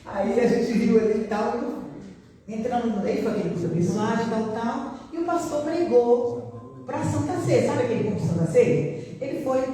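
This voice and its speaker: A woman's voice: on the high side, lively intonation, normal speed, crowd noise. A middle-aged woman giving an emotional testimony in a church, acting out the voices in her story. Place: church hall. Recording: echoey church hall, distant mic.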